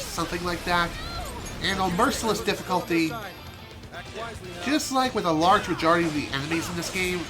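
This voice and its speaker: A gaming streamer with a high voice, a little hoarse from allergies, gives casual let's play commentary, rambling and making self-amused asides. Game music plays behind his voice.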